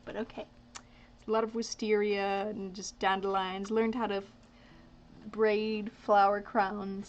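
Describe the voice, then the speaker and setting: A Dutch-speaking woman in her twenties chats casually on a live stream while painting, rambling and muttering asides as she works. Her voice is a little high. The lo-fi stream audio sounds slightly dull, with a faint hiss or hum and ambience.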